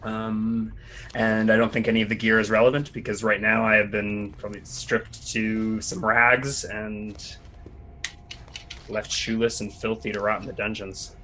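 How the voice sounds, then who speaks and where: A man at a tabletop game casually describes a character as it comes to mind. The voice is on the low side with a bright, clear edge. There is noticeable noise in the background. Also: little pitch movement, a little slow.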